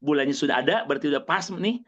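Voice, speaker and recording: Guy preaching, kinda high voice, keeps repeating himself and jumping up in pitch, muffled lo-fi audio. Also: lively intonation, fast talker, a bit bright. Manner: emphatic, repetitive, swings between high exclamations and low earnest stretches. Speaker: Islamic preacher. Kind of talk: motivational religious talk to an audience. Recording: dull lo-fi recording.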